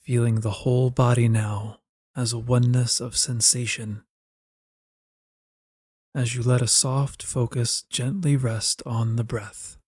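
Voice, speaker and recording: A male guided meditation narrator leads a relaxation very slowly, his soft, even tone barely rising or falling, with a dark, mellow color. His husky, mid-range voice gives gentle, soothing instructions for settling down, and the recording is dry.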